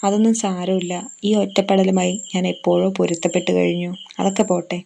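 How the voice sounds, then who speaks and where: A gentle young man in a storybook romance, as a woman reader plays him, calm and soft-spoken. His voice stays in the reader's own pitch with flat, even intonation. Faint noise sits in the background. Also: a little fast, gravelly. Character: young man, gentle, quietly grieving lover.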